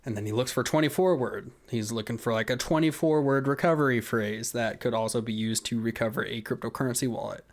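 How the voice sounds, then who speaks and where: A man's voice: mid-range voice, a little fast, hardly any pauses. A man giving casual, conversational screen-recording commentary, explaining step by step and often checking in with the listener. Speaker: video creator walking through an account hack.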